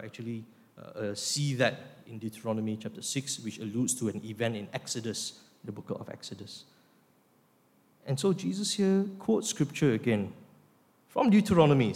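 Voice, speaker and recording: Emphatic male pastor preaching in a reverberant hall. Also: mid-range voice. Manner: emphatic, slows down to stress key words. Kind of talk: sermon.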